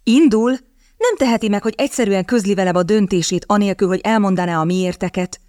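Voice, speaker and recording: A woman's voice: medium pitch, darkish tone, no echo, clean studio sound, close to an everyday voice. A woman reading the part of a proud young lady who speaks sharply and with cutting sarcasm. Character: young woman, proud, quick-witted, indignant.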